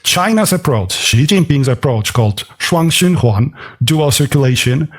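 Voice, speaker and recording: A man's voice: fairly high pitch, animated, measured pace. A man from Switzerland, a guest on an interview podcast, giving a dense, analytical explanation of economics with frequent restarts. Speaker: guest, author and portfolio manager.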